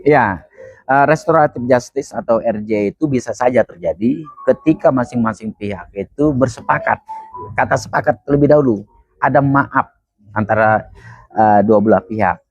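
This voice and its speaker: A man's voice: mid-range voice, normal speed, no room sound, soft background music. A man answers interview questions as a legal expert, explaining points emphatically and repeating key phrases. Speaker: criminal law expert.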